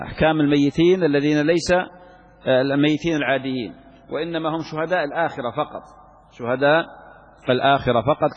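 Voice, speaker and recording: A man's voice: a little high, husky. A sheikh teaching Islamic law, lecturing on a legal text, asking and answering his own questions and repeating key phrases for emphasis. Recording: muffled lo-fi recording in a reverberant hall.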